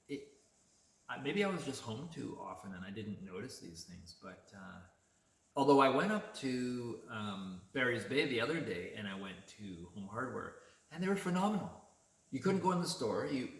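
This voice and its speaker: A man vlogging, telling a story in a chatty, animated way. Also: mid-range voice, moderate pace, reverberant. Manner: chatty, animated retelling with laughs. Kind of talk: casual storytelling.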